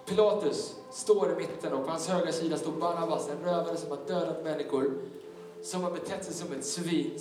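A man pastor delivering a sermon in a large church hall, fervently urging his listeners to respond. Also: on the high side. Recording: echoey hall, mic far off. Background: worship music.

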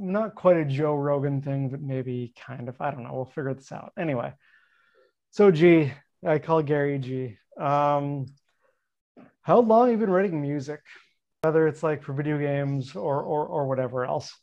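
A middle-aged man with a slightly high voice hosts a casual podcast. His talk is natural and unscripted, friendly and self-deprecating. The recording is a bit dull and lo-fi. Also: darkish tone. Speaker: podcast host interviewing a friend. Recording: dull lo-fi sound.

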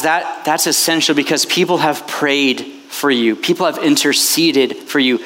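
A priest preaches to a retreat crowd in an impassioned yet chatty way, leaning heavily on fillers. His voice is fairly bright and on the high side, echoing with long hall reverb over faint background noise.

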